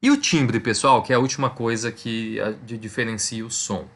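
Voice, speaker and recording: A man's voice: mid-range voice, moderate pace, fairly bright tone. A man teaching a recorded physics lesson over slides, speaking conversationally and checking in with his students after almost every point. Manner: explains step by step, repeats key points.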